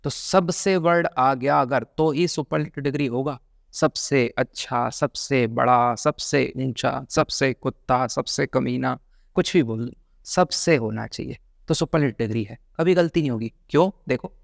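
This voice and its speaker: A male grammar teacher with a gravelly, voice, recorded dry and close. He talks in a chatty way, stretching out example words one by one for his students. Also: medium pitch, no echo. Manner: chatty, drills examples slowly, calls viewers brother. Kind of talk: exam-prep grammar lesson.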